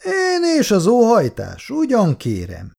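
A man's voice: high-pitched, wildly swooping pitch, creaky, darkish tone, pitched above the performer's own voice, full character voice. A man doing a sneering, smug office clerk. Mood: mocking. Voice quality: mocking, smug.

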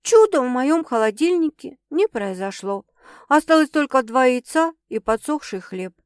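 A woman's voice: high voice, sing-song, moderate pace, dry recording, voice pushed up. A woman voicing a grumbling young woman in an audiobook, dry and sulky. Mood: sour. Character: grumbling young woman, new at a city job. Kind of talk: audiobook character voice.

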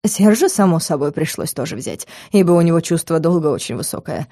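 A woman reading an audiobook, voicing a composed male academy rector who speaks in a measured, formal way. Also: low-pitched, big pitch swings, dark tone, no room sound, clean studio sound, heavily acted. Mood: calm, explaining. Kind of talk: audiobook character voice.

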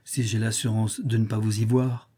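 A bitter fallen priest who turns cruel with a jealous menace, as a man reads him aloud. The voice is deep-toned and mellow, husky at the edges, delivered as a storybook reading. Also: flat delivery, normal speed. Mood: threatening. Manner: cold, threatening, then pleading. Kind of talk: audiobook character reading.

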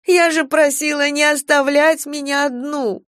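A woman voicing a sharp-tongued, complaining stepmother in an audiobook. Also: high voice, flat delivery, unhurried, dry recording, clean studio sound, voice pushed up. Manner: curt and complaining. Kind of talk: audiobook character voice.

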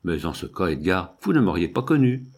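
A man's voice: low voice, very animated, brisk, a little mellow, breathy edge, exaggerated voice. A man reading a coaxing young woman. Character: young woman, lively, affectionate, fond of diamonds. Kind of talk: audiobook reading.

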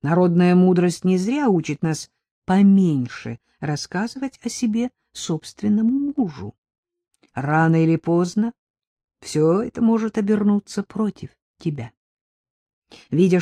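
An audiobook narrator reading a detective novel in steady scripted narration. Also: medium pitch, measured pace, no echo, studio quality.

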